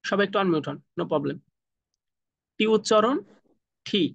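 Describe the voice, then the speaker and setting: A man with a Bangladeshi accent teaching a spoken English class over a video call, drilling pronunciation slowly, sound by sound. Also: sits high, creaky, a bit bright, lo-fi sound.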